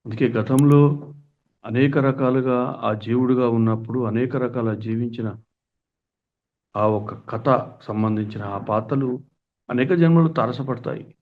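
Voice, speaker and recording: A man's voice: medium pitch, measured pace, pauses often. Man giving a spiritual talk, tinny sound. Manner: earnest, rhetorical questions, folksy asides. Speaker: spiritual teacher. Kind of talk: spiritual discourse.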